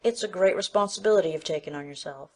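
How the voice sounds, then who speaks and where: A woman's voice: lowish voice, quick pace, natural voice. A woman playing a blunt, gossipy, disapproving middle-aged busybody in a dramatized audiobook. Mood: gloomy disapproval. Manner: outspoken, emphatic.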